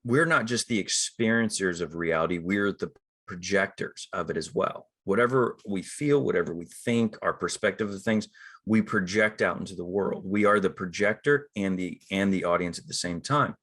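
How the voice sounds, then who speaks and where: A man's voice: low voice, moderate pace, a bit bright. A middle-aged man, an acting coach, talking casually about screen acting and acting out the thoughts he quotes. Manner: conversational, acts out quoted inner thoughts. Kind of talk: casual teaching talk on acting.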